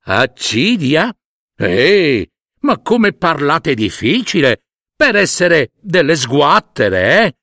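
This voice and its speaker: Guy doing a loud slow show-off elephant, mocking everyone, storybook style. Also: very animated, no echo, clean studio sound, exaggerated voice. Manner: loud, booming, slow, swaggering. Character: boastful arrogant bull elephant, huge and mocking.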